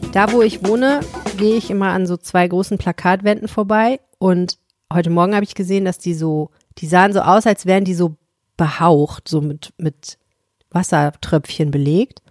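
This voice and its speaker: A woman's voice: lowish voice, moderate pace, no echo, faint music behind. A woman co-hosting a podcast, telling anecdotes in casual chat and acting out her own thoughts. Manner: lively storyteller, acts out her own thoughts. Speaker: podcast co-host.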